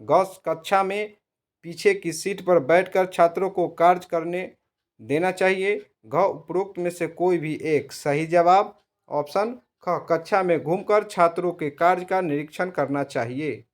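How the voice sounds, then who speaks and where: A man with a fairly high voice presents teacher-exam quiz questions. He reads each option in a steady, measured way and slows noticeably when he gives the right answer. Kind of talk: reading multiple-choice questions and answers.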